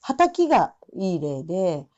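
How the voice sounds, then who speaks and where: Mellow-voiced woman teaching English pronunciation. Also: on the low side, big pitch swings, lo-fi sound. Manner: demonstrates sounds slowly, repeats phrases, many fillers. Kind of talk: spoken lesson with demonstrations.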